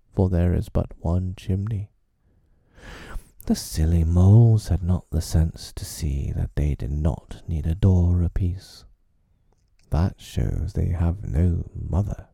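A man voicing a scheming, sinister pirate captain who speaks slowly through his teeth. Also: low voice, expressive, gravelly, dark tone, no echo, clean studio sound, full character voice.

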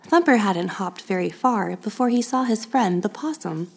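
A woman narrating a children's picture book in a soft, measured storytelling manner. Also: medium pitch, expressive, vocal fry.

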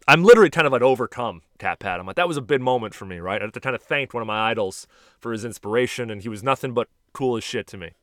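A man in his thirties hosting a podcast, an animated storyteller who swears casually. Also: mid-range voice, fast talker, no room sound, clean studio sound. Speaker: podcast host and stand-up comic. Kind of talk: casual chat.

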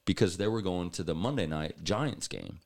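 Very deep-voiced man telling stories. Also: normal speed. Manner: animated storyteller, laughs often. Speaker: podcast co-host. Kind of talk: casual chat.

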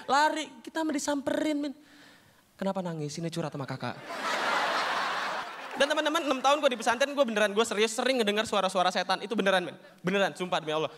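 A man's voice: very high voice, racing, few pauses, noisy background. A young man performing a stand-up comedy set in casual, slangy banter, acting out scenes and laughing between jokes. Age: young adult.

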